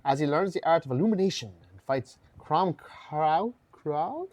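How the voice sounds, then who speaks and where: A man's voice: fairly high pitch, animated, a little slow, a little mellow, no echo. A man co-hosting a podcast, chatting playfully about board games and stumbling as he reads product blurbs aloud. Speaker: podcast co-host.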